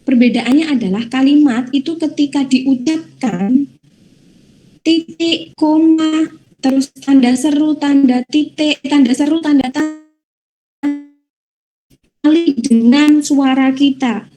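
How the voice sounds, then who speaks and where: A woman's voice: high voice, slow pace, pauses often, music in the background, poor audio. A woman teacher giving an online class with screen share, explaining patiently and step by step, often starting with a filler before each point.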